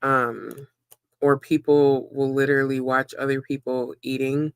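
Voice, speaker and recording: A woman's voice: very deep voice, little pitch movement, measured pace, clear, resonant tone, dry recording. A woman chatting casually on a live stream while she eats and works, rambling with many ums and likes. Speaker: livestreamer and web content creator.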